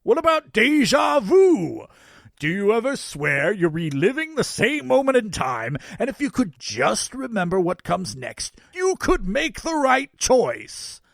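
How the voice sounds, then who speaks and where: A man acts out a jolly, fat old Santa from an audio story, booming and merry. He is teasing and theatrical, and his pitch rides high and swings widely. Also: wildly swooping pitch, unhurried, gravelly, few pauses, fairly bright tone, dry recording, heavily acted. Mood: excited, cryptic. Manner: taunting, cryptic, theatrical.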